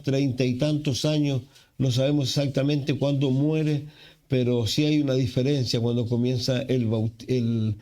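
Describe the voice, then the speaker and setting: A man from Chile preaching a sermon as pastor, unhurried, with fillers and self-corrections. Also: medium pitch, mellow. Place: church.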